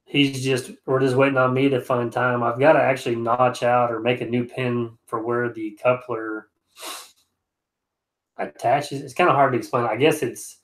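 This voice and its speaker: Poor audio captures a man of medium pitch speaking at a normal speed with little pitch movement. He's an excavation contractor livestreaming from home with a stuffed-up nose, casually rambling over comments and frequently starting again.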